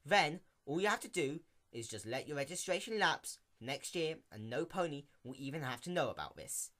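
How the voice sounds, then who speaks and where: A man's voice: on the high side, lively intonation, normal speed, a bit bright, pitched above the performer's own voice. A man voicing a stern, weary female pony mayor with a theatrical, lecturing delivery in a storybook reading. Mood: pleading, exasperated. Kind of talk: dramatic reading of fan fiction.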